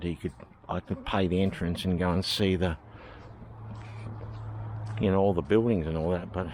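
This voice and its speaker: An Australian travel vlogger with a deep voice gives a casual walking tour outdoors at a historic village. He's chatty and thinks aloud, using plenty of fillers, with slight background noise around him.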